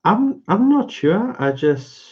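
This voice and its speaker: This man, who has a North East England accent, hosts a colouring livestream and chats casually, rambling and hesitating with many fillers. His husky voice sits high, swings widely in pitch and moves slowly. The recording sounds dull and lo-fi.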